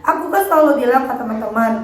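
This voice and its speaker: A woman's voice: a little high, expressive, fast, reverberant, low-quality recording. A woman giving an earnest religious motivational talk, repeating her exhortations and addressing viewers as friends. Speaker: motivational speaker.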